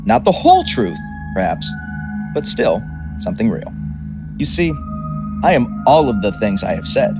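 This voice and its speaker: A man's voice: medium pitch, wildly swooping pitch, normal speed, long pauses. A man playing a theatrical chaos god. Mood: wry, confiding. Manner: theatrical, boastful, then chatty and wry. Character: grandiose, mercurial chaos god toymaker. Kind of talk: dramatic reading. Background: music.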